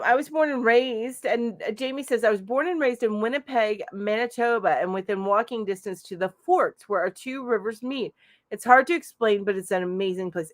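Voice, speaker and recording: A woman's voice: a little high, fairly bright tone, no room sound, studio quality. A middle-aged woman hosting a live chat stream from home, casually reading out viewer comments and responding with lots of fillers. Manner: chatty, reads comments aloud with frequent fillers. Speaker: crochet channel host.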